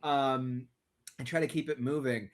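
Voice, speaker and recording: A man's voice: medium pitch, steady tone, a little slow. A man playing a tabletop game, enthusiastic and joking, with stammering restarts. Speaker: player. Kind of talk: in-character tabletop role-play.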